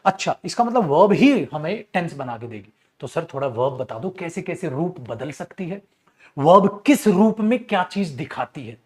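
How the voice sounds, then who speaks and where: A man teaching English grammar in an online class. He speaks in a fairly high voice, lively and playful, teasing his students as he explains. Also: moderate pace. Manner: lively, jokey, addresses students as beta, acts out student voices.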